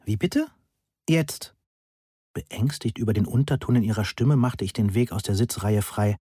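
A male audiobook narrator with a mellow, husky voice, reading in a measured, wry first-person tone. The recording is dry and intimate, close on the mic with no room sound. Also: lowish voice, no room sound.

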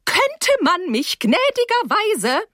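A woman voicing a frosty, pompous female English teacher who speaks in a clipped, icy and slow way. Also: high-pitched, animated, fairly bright tone, no echo, clean studio sound, pitched above the performer's own voice. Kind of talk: audiobook character voice.

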